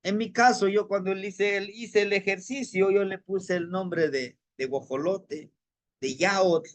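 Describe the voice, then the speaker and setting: A man, leading a guided spiritual lesson in a gentle, reflective way, often asking rhetorical questions. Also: sits high, fairly even intonation, unhurried. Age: 40s. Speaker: spiritual teacher.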